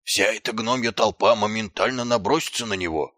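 A man's voice: fairly low pitch, a little fast, fairly bright tone, lightly acted. A man voicing a nervous middle-aged male sergeant who frets and hisses. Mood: anxious. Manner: fretful, hissing.

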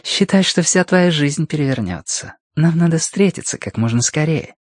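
A man's voice: fairly high pitch, animated, moderate pace, dry recording, clean studio sound, pitched above the performer's own voice. A man voicing a purring, sultry woman. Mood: purring, teasing. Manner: purring, teasing, playful. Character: sultry flirtatious woman gallery owner. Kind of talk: audiobook character reading.

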